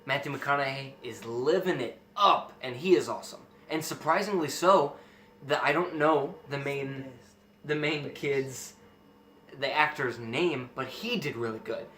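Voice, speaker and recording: A man's voice: mid-range voice, unhurried, fairly bright tone. A man hosting a casual film review, talking emphatically and with enthusiasm. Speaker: host of a film review show. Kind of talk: casual movie review chat. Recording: roomy echo, faint background noise.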